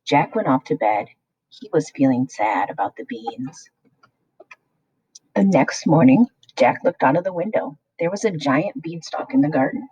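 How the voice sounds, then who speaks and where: A woman reading a children's picture book aloud, expressive and addressing young listeners. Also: low voice, slightly rough, dry recording, muffled recording. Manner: slow, expressive, plays along with listeners. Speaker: children's storyteller.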